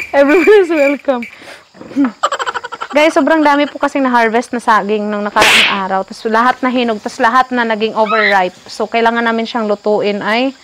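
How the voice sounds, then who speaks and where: A woman's voice: fairly high pitch, moderate pace. A young woman vlogging while she cooks on a family farm, chatting casually and slipping in playful jokes. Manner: playful teasing, frequent joking asides. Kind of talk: casual cooking vlog. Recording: loud insect and cricket noise.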